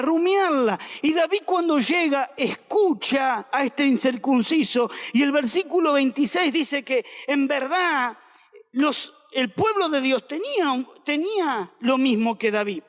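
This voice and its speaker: A man's voice: very high voice, lively intonation, measured pace, a bit bright. A man with an Argentine accent, a pastor preaching emphatically and repeating phrases for the congregation to say back. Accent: Argentine Spanish. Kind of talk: sermon. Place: auditorium. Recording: long reverb of a large hall.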